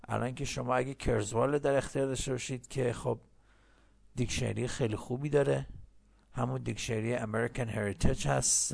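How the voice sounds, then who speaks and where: Male English teacher, heavy vocal fry, patient, repeats phrases slowly. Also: medium pitch, a little mellow. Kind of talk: recorded language lesson.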